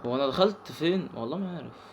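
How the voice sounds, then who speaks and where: A young gaming channel host with an Egyptian Arabic accent speaks in a slightly high, expressive, rapid-fire voice over heavy background noise. He commentates a horror game as he plays, talking to himself and yelping when something startles him.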